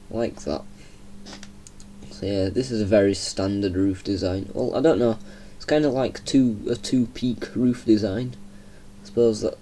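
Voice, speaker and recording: A young man from Yorkshire with a Yorkshire accent, giving casual, rambling commentary while playing a game and laughing softly now and then. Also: on the low side, a little hiss or hum. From Yorkshire, England. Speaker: gaming channel host.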